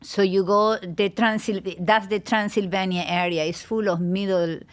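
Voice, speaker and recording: A woman's voice: medium pitch, steady tone, normal speed. Woman guest with a Peruvian Spanish accent. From Peru. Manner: explains eagerly, uses many fillers like "you know". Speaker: podcast guest, travel organizer. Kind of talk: casual podcast chat.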